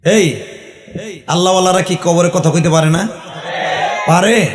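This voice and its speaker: Shouting preacher, high voice. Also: male voice, a little slow. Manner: animated, shouting calls to the crowd. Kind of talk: village sermon with storytelling.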